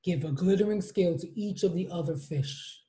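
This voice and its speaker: A woman voicing a wise old female octopus in a storybook reading, speaking in a deep, solemn voice. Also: normal speed, dark tone, natural voice.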